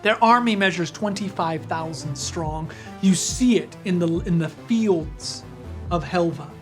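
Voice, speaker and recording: A man narrating a tabletop role-playing game as game master, in measured, descriptive narration. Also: high-pitched, faint music behind. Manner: measured, descriptive narration with self-conscious asides.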